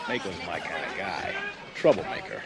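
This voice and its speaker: An actor playing a cocky, easygoing space smuggler with a wry, offhand manner in an audio drama. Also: male voice, deep voice, very animated, moderate pace, a crowd in the background. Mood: reminiscent. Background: orchestral film score.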